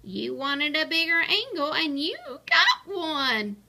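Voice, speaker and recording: A woman's voice: high voice, huge pitch swings, takes it slowly, creaky, bright, forceful tone, pitched above the performer's own voice, full character voice. A woman voicing a small, determined female hamster who calls out eagerly. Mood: excited.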